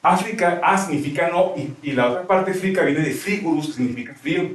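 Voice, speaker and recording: A man teaching grammar talks fairly quickly in a fairly high voice, explaining the material and frequently asking questions to check students' understanding. The lecture takes place in a roomy classroom, captured by a mic placed far off.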